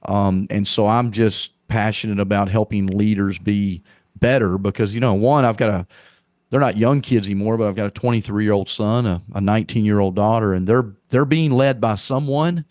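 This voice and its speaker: Leadership is the topic for this middle-aged podcast guest, a Southern-accented man from Arkansas who rambles, repeats words and sounds earnest in casual conversation. He speaks at a moderate pace in a lowish, somewhat mellow voice, captured in a dry, clean studio recording.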